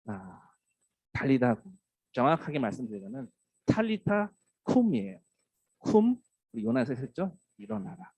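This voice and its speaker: Lively, husky-voiced man preaching a sermon. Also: medium pitch, normal speed, pauses often, dry recording, rough recording. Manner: lively, acts out tender wake-up calls in a soft voice. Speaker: pastor.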